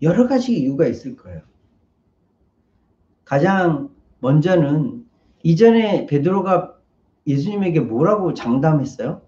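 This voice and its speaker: A man's voice: a little high, big pitch swings, unhurried, pauses often, dark tone, roomy sound, highs cut off. A man, a pastor, preaching a sermon and acting out the lines of the people in his story in a raised voice. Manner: acts out the maid's and Peter's lines in a raised voice. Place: church sanctuary.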